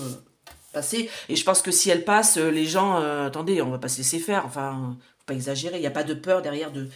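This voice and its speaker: A woman in her forties with a low-pitched voice reads oracle cards in a relaxed, chatty way. She addresses her viewers directly and hesitates often as she speaks. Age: 40s. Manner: chatty, talks straight to viewers with many hesitations. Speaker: psychic card reader. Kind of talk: casual oracle card reading to camera.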